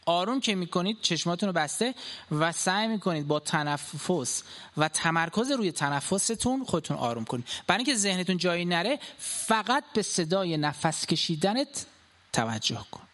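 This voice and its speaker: A man giving a public talk of practical advice, talking in an animated way, asking rhetorical questions and jumping from emphatic high bursts to soft low endings. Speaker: speaker giving life advice.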